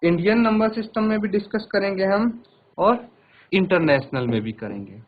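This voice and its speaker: Lively male maths teacher, tinny sound. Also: sits high, normal speed. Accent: Hindi. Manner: patient, addresses children directly, repeats steps. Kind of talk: televised classroom lesson.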